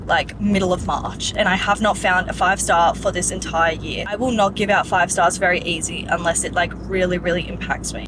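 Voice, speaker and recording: A woman's voice: lowish voice, noisy background. A young woman from the UK chatting casually in a reading vlog, enthusiastic and full of filler words. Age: young adult. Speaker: book vlogger.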